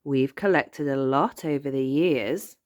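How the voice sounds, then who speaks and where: A woman's voice: a bass voice, unhurried, a little mellow. Woman reading as a jolly old grandpa pig. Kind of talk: storybook read-aloud.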